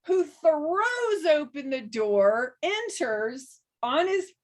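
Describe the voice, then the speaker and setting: Author guest, woman from West Texas, somewhat high pitch, animated anecdotal storyteller. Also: drawn-out words. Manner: lively, animated storyteller who laughs while telling.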